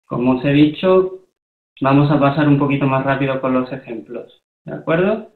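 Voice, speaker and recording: A man's voice: medium pitch, normal speed. A man teaching a language lesson, explaining things step by step and often checking that his students follow. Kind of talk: slow, patient classroom explanation. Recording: echoey room over a thin phone-like line.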